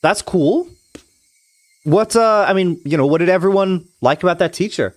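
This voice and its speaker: Chatting with stream viewers, a young man from Trinidad and Tobago rambles through restarts and hedging fillers, now and then reading a visual novel's text aloud. His voice is high-pitched at a normal speed, captured in a dry, studio-quality recording.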